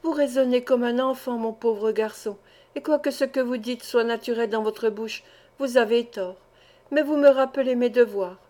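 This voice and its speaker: A woman voicing a tender, grave elderly aunt in a storybook reading, solemn and gently reproving. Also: fairly high pitch, normal speed, close to an everyday voice.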